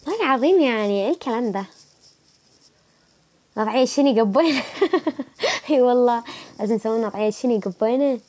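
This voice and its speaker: A woman's voice: a little high, lively intonation, fast, long pauses, darkish tone. Sick Iraqi woman chatting on a livestream. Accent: Iraqi Arabic. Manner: chatty, reads and answers viewer comments. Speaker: livestream host. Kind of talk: casual live chat with viewers.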